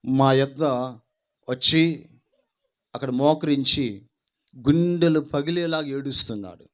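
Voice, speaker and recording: A man's voice: mid-range voice, a little slow, a bit bright. A man preaching a fervent sermon as pastor, repeating his phrases and calling out hallelujah.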